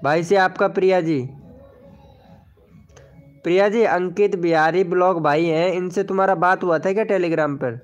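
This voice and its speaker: A man's voice: high-pitched, fairly even intonation, unhurried, pauses often, lo-fi sound. A man hosting a casual live stream, chatting with viewers and reading out their names and comments. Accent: Hindi. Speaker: live stream host promoting channels. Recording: faint background music.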